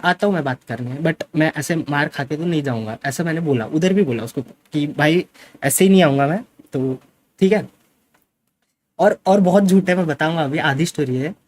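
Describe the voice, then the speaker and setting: A man defensively telling his side of a story in a casual vlog, often repeating himself and switching into English. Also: on the high side. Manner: defensive, insistent, mixes English into his speech. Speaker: gaming streamer.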